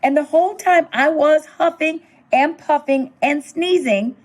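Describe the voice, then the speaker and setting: A woman's voice: high voice, a little slow. A middle-aged woman reading a children's storybook aloud, telling it expressively in the wolf's own words. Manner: expressive storytelling, narrating as the wolf. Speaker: school superintendent reading aloud.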